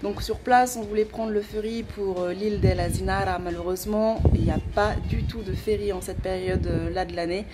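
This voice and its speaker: A woman's voice: medium pitch, fairly even intonation, fairly quick, few pauses. Hesitant woman vlogging outdoors. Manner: hesitant, many filler sounds. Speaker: travel vlogger. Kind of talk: casual travel vlog to camera. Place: outdoors at travel sites. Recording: outdoor camera audio with background noise.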